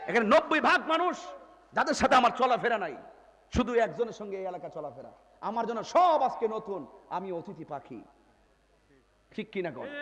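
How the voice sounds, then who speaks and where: A male preacher giving an open-air sermon, fiery and calling out to the crowd for answers, swinging between shouting and quiet talk. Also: high-pitched, long reverb tail. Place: outdoor tent gathering.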